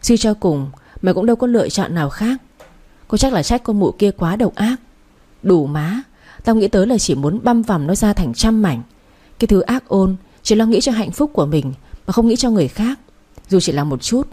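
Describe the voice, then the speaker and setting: A woman's voice: medium pitch, animated, mellow, lightly acted. A woman doing a blunt, loyal girlfriend. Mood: indignant, comforting. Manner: blunt, coarse, quick. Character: close young female friend, blunt and fiercely loyal.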